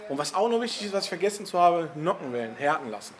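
A man chatting casually about a classic car in his garage vlog, laughing often and tagging sentences with quick questions. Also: a little high, very animated, slight background noise. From Italian family background. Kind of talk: casual chat.

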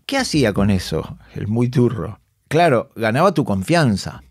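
This man's voice is medium-pitched and slightly rough, at a moderate pace. An actor and comedian with a Rioplatense Spanish accent, he swaps backstage tales in a laid-back podcast chat, animatedly voicing his colleagues and laughing frequently. The recording is dry, studio quality, made on a studio microphone.

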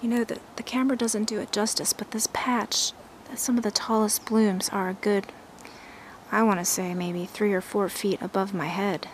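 A woman giving a casual walking tour of her backyard garden, relaxed and admiring, thinking aloud with some fillers. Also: mid-range voice, moderate pace, slight background noise.

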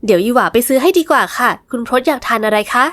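A woman's voice: fairly high pitch, animated, racing, a bit bright, no room sound, clean studio sound. Woman doing a cool, defiant young woman. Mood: cold defiant. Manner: clipped and cold, flaring sharply when upset.

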